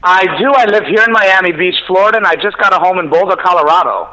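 A man calling in to a radio show on a cell phone that sounds like a speakerphone, upbeat and quick to laugh. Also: sits high, sharp tone. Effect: cell phone call sounding like a speakerphone. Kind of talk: casual on-air chat.

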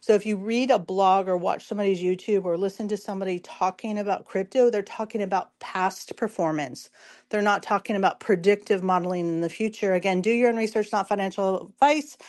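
A woman hosts a casual commentary show with a hoarse, strained voice that sounds worn out. She explains things informally, step by step, and talks straight to the people listening. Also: medium pitch, brisk, a little mellow. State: hoarse, losing her voice. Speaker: show host.

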